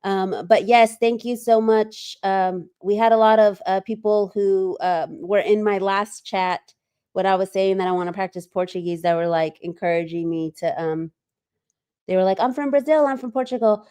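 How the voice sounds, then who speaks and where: A woman hosting a relaxed livestream, her voice smooth and clear. She talks loosely and stops often to read viewer comments aloud, filling pauses with ums and uhs. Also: medium pitch. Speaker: livestream host. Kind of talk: casual livestream chat.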